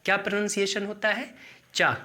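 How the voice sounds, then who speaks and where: Bright-voiced Indian male teacher, unhurried lesson delivery, repeats and quizzes. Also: high voice, lively intonation. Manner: slow, repeats words and quizzes the listener. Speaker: English pronunciation teacher. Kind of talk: classroom-style lesson at a board.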